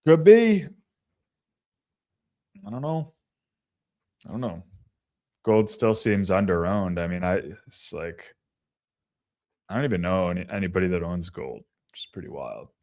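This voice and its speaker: A man with a fairly low voice chats loosely as a podcast co-host. He rambles, restarts his thoughts and drops swear words without much care. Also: moderate pace, a little mellow. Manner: rambling, swears freely, trails off. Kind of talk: casual podcast chat.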